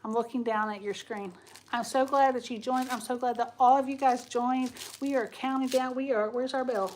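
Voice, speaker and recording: The audio is poor, with slight background noise, as a woman in her 40s speaks in a high-leaning voice with a steady tone and moderate pace. Hosting a craft livestream, she chats casually with viewers while she crafts and reads comments aloud.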